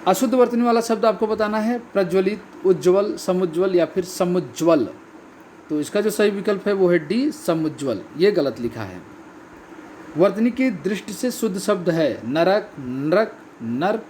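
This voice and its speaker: Male exam tutor, mellow fairly high voice, repeats key words, faint noise behind. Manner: repeats key words, addresses listeners as friends. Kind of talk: test answer walkthrough.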